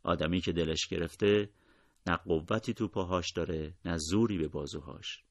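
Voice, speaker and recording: A man voicing a gentle, wise elderly mother, speaking softly and plainly in his own low, gravelly voice. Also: no echo, clean studio sound.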